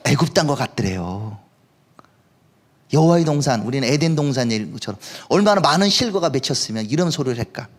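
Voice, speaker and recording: A male pastor preaching at a live worship service, with a high voice that swings widely in pitch. He talks in a conversational way and keeps asking his listeners questions. His delivery is lively and expressive. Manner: conversational, asks the congregation questions. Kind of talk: sermon.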